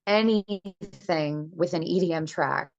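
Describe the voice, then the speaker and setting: A woman talks loosely and chattily as an interview guest over a conference call. Her voice sits low, and the call audio is dull, lo-fi and dry, with no room sound. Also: slow pace, vocal fry, a little mellow, no echo. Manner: chatty, loose, many fillers. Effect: heard over a conference call, audio breaking up. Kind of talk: casual remote interview.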